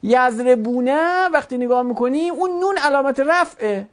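A woman's voice: high voice, expressive. Patient woman teaching grammar. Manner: patient, explains step by step with examples. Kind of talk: online class, explaining verb conjugation.

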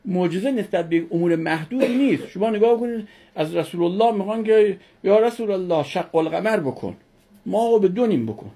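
A woman with a husky, breathy voice gives a classroom religion lecture to her students. She keeps firing questions at the class and answering them, leaning hard on repeated words. Her pitch sits in an ordinary middle range. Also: lively intonation, dark tone. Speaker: religion teacher.

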